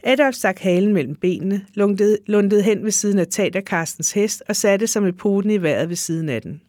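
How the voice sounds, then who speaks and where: A reader narrates literary prose in a measured, even way. The voice sits at a middle pitch, and the recording is dry and close, with no room sound. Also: no room sound. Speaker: audiobook reader. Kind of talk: literary reading.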